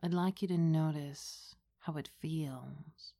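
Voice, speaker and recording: Female meditation guide, low register, very slow and soothing, gentle guided-relaxation delivery. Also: steady tone, gravelly.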